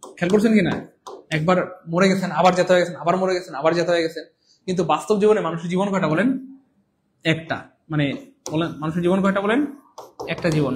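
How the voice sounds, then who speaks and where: Guy teaching grammar class, highish voice, keeps asking stuff and answering it himself, faint noise behind. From Bangladesh. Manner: asks questions and answers them himself, repeating key points. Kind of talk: classroom lecture.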